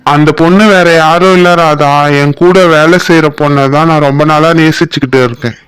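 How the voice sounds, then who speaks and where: A man's voice: fairly high pitch, fairly even intonation, fairly quick, fairly bright tone, clean tone, close to an everyday voice. A man voicing a playful, teasing young man who is fond of his sweetheart, in a cartoon. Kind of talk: cartoon voice acting.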